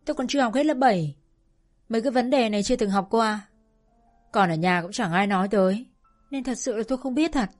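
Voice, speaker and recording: Naive anxious teen girl, as a woman storyteller puts her on, pitched up, fretful. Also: brisk, soft background music, natural voice. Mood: bewildered.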